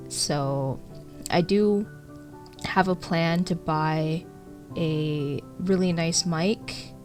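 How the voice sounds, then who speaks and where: An amateur narrator gives an informal intro and then reads her own fan fiction in an expressive, storybook style. Her voice is fairly low and a little mellow.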